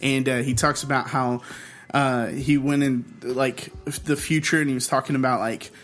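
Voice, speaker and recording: A man's voice: mid-range voice, steady tone, moderate pace, a bit bright. A man co-hosting a podcast in casual chat, rambling and dropping lots of "like" fillers. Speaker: podcast co-host.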